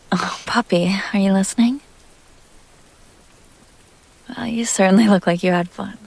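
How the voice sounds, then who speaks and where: In an intimate ASMR roleplay, a woman fully voices an immortal vampire heiress, her medium-pitched voice husky and breathy, often dropping into a whisper with a crackle of fry. Unhurried and coaxing, she shifts between teasing, tender and wistful, with an overall teasing, soothing mood.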